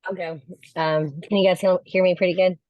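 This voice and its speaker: A woman's voice: lowish voice, fairly even intonation, fairly quick, no echo, lo-fi sound. A woman giving an emotional graduation speech over a phone on a video call, earnest and rambling as she fights back tears. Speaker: graduating health coach student.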